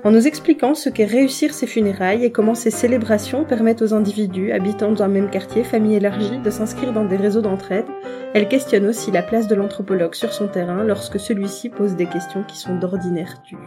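A woman co-hosting a podcast, reading a scripted introduction clearly and evenly. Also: medium pitch, steady tone, a little fast. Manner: clear, read-aloud delivery. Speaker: podcast co-host. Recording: guitar music underneath.

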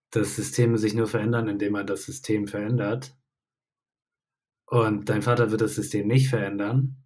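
A man speaking reflectively in a supportive personal conversation, asking gentle questions. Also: fairly low pitch.

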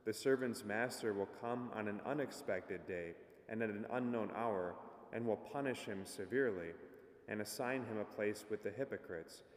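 Priest, male, lowish voice, earnest and measured, cathedral echo with a long reverb tail. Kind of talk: gospel reading and homily at mass. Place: large church. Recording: echoey church with long reverb.

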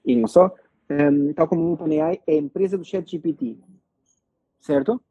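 A man's voice: a little high, moderate pace, husky, no echo, lo-fi sound. A man with a European Portuguese accent explaining things in a casual discussion, often repeating phrases and checking that listeners follow. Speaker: panelist explaining technology.

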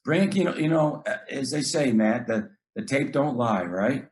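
A man's voice: mid-range voice, animated, moderate pace, a little mellow. A middle-aged man, a basketball coach, talking earnestly in casual chat, often repeating words and acting out what he tells his players.

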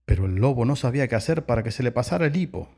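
Guy with a gravelly voice reading a kids story, slow and gentle. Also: mid-range voice, expressive. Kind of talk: children's story read aloud.

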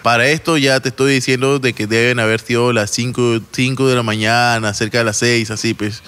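A man's voice: mid-range voice, level tone, brisk, a bit bright, clear, resonant tone. A man with a Lima Peruvian accent telling a long, rambling story in casual chat, full of slang, swearing and restarts. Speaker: podcast storyteller.

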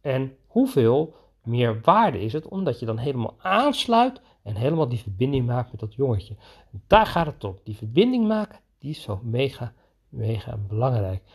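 A man with a faintly husky voice talks through a podcast episode about his coaching work with children. His delivery is eager and lively, full of enthusiasm for the story he is telling. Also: medium pitch, normal speed. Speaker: children's coach with own practice. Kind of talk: podcast monologue.

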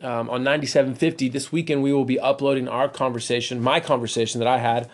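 A man hosting a casual church podcast, talking in a relaxed, chatty way with plenty of fillers, and he has a wife and kids. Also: medium pitch, fast. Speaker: podcast host.

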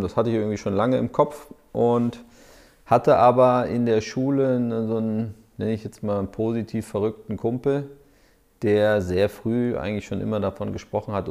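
Gravelly, dark-voiced man in his forties. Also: lowish voice. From Berlin, Germany. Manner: relaxed, many fillers, laughs while telling stories. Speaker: podcast guest, startup founder. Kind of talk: casual interview storytelling.

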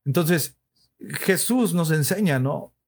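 Man, earnest testimony to livestream viewers, slightly higher voice, conversational. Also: lively intonation, slow, darkish tone. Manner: earnest and conversational, with frequent "entonces" and "¿no?" check-ins.

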